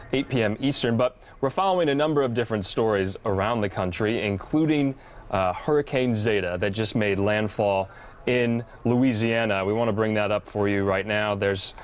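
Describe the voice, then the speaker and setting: Low-voiced male news anchor, halting delivery. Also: a little hiss or hum. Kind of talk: live ad-libbed news anchoring.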